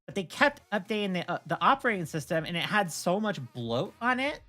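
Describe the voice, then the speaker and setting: This livestream host speaks a little fast in a voice on the low side, with faint music in the background. Casual and blunt, she shares opinionated, animated stories and swears along the way.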